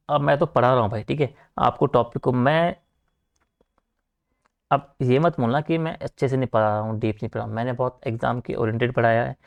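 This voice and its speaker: A young male coaching teacher from Uttarakhand, India, has a gravelly, mid-range voice that's a little mellow. He talks fast in an online lecture with informal asides to students, repeating fillers like "theek hai" and "aapka."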